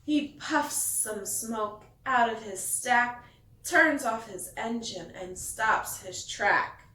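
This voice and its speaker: Echoey distant recording, woman, storytime read-aloud for kids, slow measured pace, sing-song phrasing, stressed rhymes. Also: a little high, bright, forceful tone. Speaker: teacher reading a picture book to children. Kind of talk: bedtime story read-aloud with asides to young listeners. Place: echoey indoor room. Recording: echoey room, distant mic.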